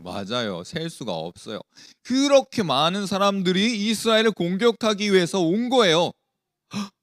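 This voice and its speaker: A man's voice: high voice, no echo, studio quality. A man leading a children's worship service, telling a Bible story and asking the children questions. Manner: animated, asks the children questions.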